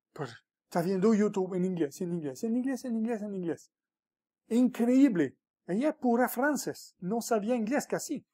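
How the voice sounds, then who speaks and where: A man's voice: high voice, darkish tone. A man speaking as a mentor in a motivational vlog, emphatic and repeating words for stress, with frequent restarts. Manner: restarts and stumbles often.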